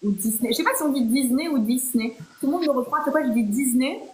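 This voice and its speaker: A woman's voice: high voice, rapid-fire, a little mellow. A woman hosting a live chat, talking playfully and chattily with many fillers and restarts. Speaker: live stream host. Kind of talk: casual chat. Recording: roomy echo.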